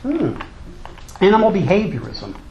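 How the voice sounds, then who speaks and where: Teasing his students with jokes, this college teacher keeps the class banter loose and informal. He has a high, gravelly, slightly mellow voice whose pitch swoops wildly at a moderate pace. The lo-fi recording comes from an echoey room with background noise.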